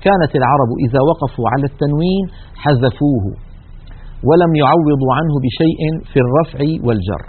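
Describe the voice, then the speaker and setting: A man teaching the rules of Quran recitation in a recorded lesson, explaining slowly and drawing out example words. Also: fairly high pitch, expressive, breathy edge. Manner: slow explanatory delivery, stretches example words. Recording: tinny narrow-band recording.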